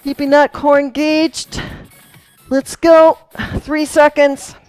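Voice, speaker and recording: In a fitness studio, a woman instructor runs a core workout, demonstrating moves while she talks and laughing frequently in a chatty, encouraging way. Her high-pitched voice is darkish in tone, with a flat delivery and slow pace, and the low-quality recording carries background workout music.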